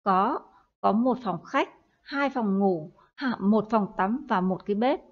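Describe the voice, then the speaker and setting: A woman's voice: mid-range voice, takes it slowly. A woman teaching English in a recorded online lesson, explaining in Vietnamese with hesitant fillers and repeating words for practice. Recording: dull lo-fi audio.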